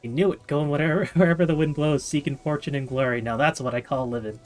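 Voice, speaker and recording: A man voicing a gruff, nosy seafaring merchant in a folksy drawl while reading game dialogue aloud. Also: a little high, steady tone, quick pace, faint music behind, natural voice. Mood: jovial. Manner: folksy, drawling sailor talk.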